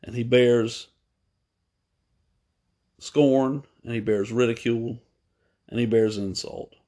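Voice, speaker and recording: A man preaching a sermon, retelling a story at an unhurried pace with pauses, fillers and small self-corrections. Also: mid-range voice, fairly even intonation, mellow.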